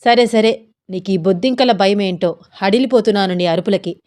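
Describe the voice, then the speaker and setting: A woman's voice: medium pitch, fairly quick, darkish tone, no echo, clean studio sound, lightly acted. Woman doing a fussy mother-in-law. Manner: fussing, scolding. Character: fussy caring middle-aged mother-in-law.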